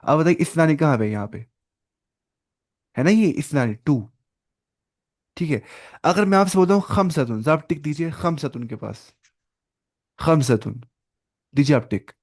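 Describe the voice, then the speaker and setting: A man teaching an online Arabic class, patiently repeating each word slowly for his student over a video call. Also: a little high, lively intonation, darkish tone.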